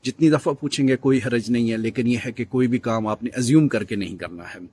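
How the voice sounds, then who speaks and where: A man's voice: medium pitch, fairly quick, breathy edge. A man casually talking through advice for overseas health workers, with frequent fillers and English words mixed in. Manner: relaxed, mixes in English words, many "jo hai" fillers.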